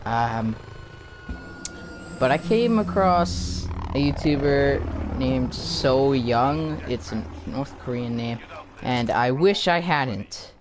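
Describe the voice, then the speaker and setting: Man, casual vlog rant, sarcastic, profane, rambling, middle pitch. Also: expressive, slow pace, noisy background. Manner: many fillers and restarts. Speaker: YouTuber.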